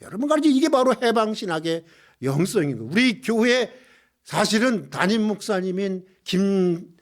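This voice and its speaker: High, lively-voiced man preaching. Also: normal speed. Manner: impassioned, swings between loud exclamations and hushed low passages; addresses the congregation with rhetorical questions. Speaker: pastor. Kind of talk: sermon. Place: church.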